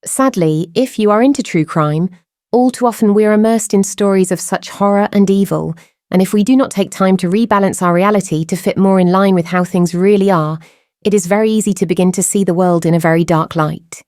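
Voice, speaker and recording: A woman hosting a true crime channel, speaking through a voice changer in measured, earnest scripted commentary. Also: mid-range voice, darkish tone, no echo, clean studio sound.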